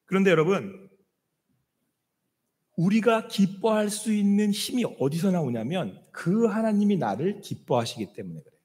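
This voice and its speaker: Middle-aged guy pastor preaching hard, high voice that swings all over, bit husky. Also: expressive, moderate pace. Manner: impassioned preaching, dropping to soft hushed quotes of God. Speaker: senior pastor. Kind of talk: sermon. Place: church sanctuary. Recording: long church-hall reverb.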